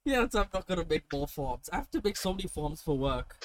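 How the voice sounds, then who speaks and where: Male podcast co-host, fairly high voice, exclamatory and slangy, loose casual chat with plenty of swearing. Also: big pitch swings, fast talker.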